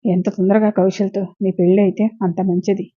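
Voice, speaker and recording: A woman's voice: mid-range voice, level tone, brisk, mellow, lightly acted. A woman voicing a bossy, scheming middle-aged mother who scolds and gives orders, in a dull lo-fi recording. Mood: scolding. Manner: scolding, commanding.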